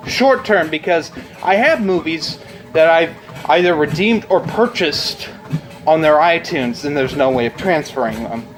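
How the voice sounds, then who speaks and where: A man's voice: fairly high pitch, low-quality recording. Young man rambling while walking on a treadmill. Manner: rambling, blunt, frequent swearing. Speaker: video blogger. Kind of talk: casual unscripted chat to camera.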